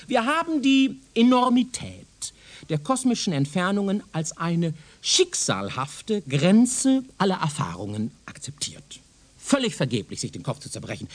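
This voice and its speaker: A smug professor from the future lectures condescendingly in a German radio play, his husky, slightly high voice rising and falling dramatically. Rhetorical emphasis fills his pedantic delivery.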